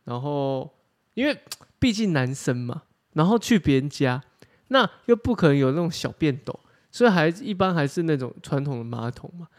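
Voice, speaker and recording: Teasing man, higher voice. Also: animated, moderate pace. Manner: teasing, wry questioner. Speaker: podcast co-host. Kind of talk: casual chat.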